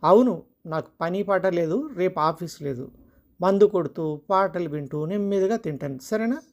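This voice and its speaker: A storyteller acting out a quick-tempered man who snaps and sneers at his wife in a spoken story. He barks his complaints louder than the narration around him, with a mocking edge. The recording sounds dull and lo-fi. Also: sits high. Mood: angry sarcastic. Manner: scolding, mocking. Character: short-tempered sarcastic husband.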